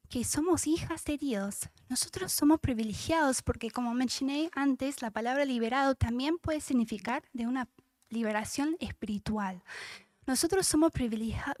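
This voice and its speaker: A woman giving a devotional Bible teaching, reading scripture aloud and often dropping to a soft whisper, emotional and correcting herself as she goes. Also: high voice, no echo, studio quality.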